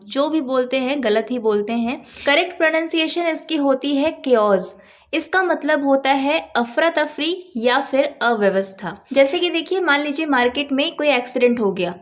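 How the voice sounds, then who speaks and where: A woman with an Indian accent teaching English pronunciation to viewers, explaining patiently and spelling words out slowly. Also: high voice.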